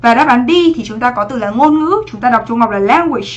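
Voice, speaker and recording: A woman's voice: a little high, fast talker, lo-fi sound. A young woman teaching English on a livestream exam review, chatty and checking in with her students often.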